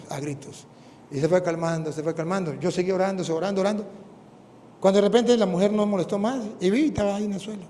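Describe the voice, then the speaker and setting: Priest preaching, lively storytelling, pretty high voice, big echoey hall, bit of hiss. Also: male voice. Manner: animated storytelling, acting out dialogue. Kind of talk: sermon, storytelling.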